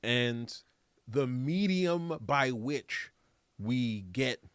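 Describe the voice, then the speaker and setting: A man's voice: medium pitch, lively intonation, extremely slow, fairly bright tone, clean tone, dry recording, studio quality. A man co-hosting a podcast, ranting in mock anger about an old woman and then explaining video game history in casual banter. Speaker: podcast co-host presenting the topic.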